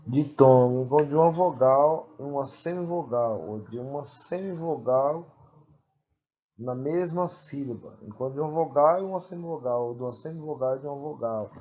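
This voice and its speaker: A male teacher giving a grammar lesson, repeating and drawing out example words slowly and deliberately. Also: medium pitch, warm tone, muffled recording.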